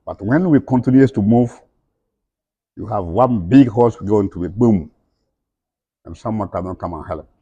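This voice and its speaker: A middle-aged interviewee speaks emphatically in broken, non-native English, repeating his points in impassioned conversational speech. His fairly low, mellow voice has a breathy edge and a slightly slow pace with frequent pauses, and the recording is dry and muffled.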